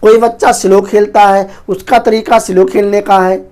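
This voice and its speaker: A man teaching an online exam-prep Hindi lesson, talking very fast and loudly and often calling the viewers his friends. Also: high-pitched, flat delivery. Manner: fast, rapid-fire delivery; loud, near-shouting teaching.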